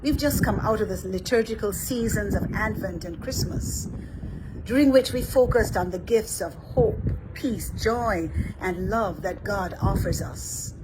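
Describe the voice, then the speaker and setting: A woman from Barbados, an Episcopal priest giving a measured, scripted reflection. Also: medium pitch, background noise.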